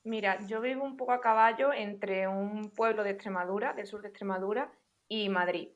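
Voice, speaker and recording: A young adult woman co-hosting a casual podcast, explaining points in a clear, organized way. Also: mid-range voice, normal speed. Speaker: podcast co-host.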